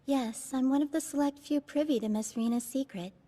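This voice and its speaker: A woman playing a polite young maid in an anime dub, speaking formally in a composed, deadpan way. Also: sits high, a little fast.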